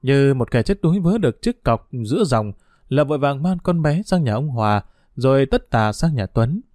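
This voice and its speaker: Man, story narrator, steady measured reading, mid pitch, dry close sound. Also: no room sound.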